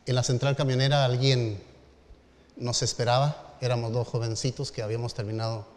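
A middle-aged pastor preaches at a medium pitch, unhurried, with pauses and rising emphasis. His voice carries a long reverb from a large hall or church. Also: steady tone. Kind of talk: storytelling sermon.

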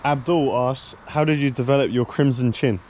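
A man's voice: mid-range voice, normal speed, heavy background noise. A young man hosting a vlog, teasing and asking questions into a handheld camera in a back garden gym. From England. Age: young adult. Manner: teasing, laughs often. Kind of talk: casual vlog chat. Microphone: handheld camera, selfie framing.

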